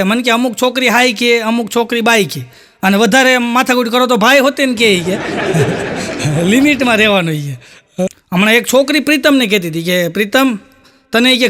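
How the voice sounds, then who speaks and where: On stage, a male folk comic speaking with a Kathiawadi Gujarati accent strings together rapid jokes and stories in an extremely high, bright, forceful voice. Quoted lines get the same repeated markers, and a catchphrase keeps returning. A little hiss or hum is audible.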